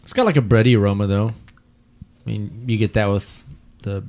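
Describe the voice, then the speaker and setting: A man's voice: fairly low pitch, moderate pace, a little mellow. Playful man reading brewing details. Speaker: co-host of a beer tasting show. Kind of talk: casual chat.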